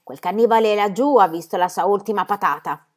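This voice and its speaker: A woman's voice: mid-range voice, a little fast, close to an everyday voice. A woman voicing a bold, cheeky young girl who exclaims playfully.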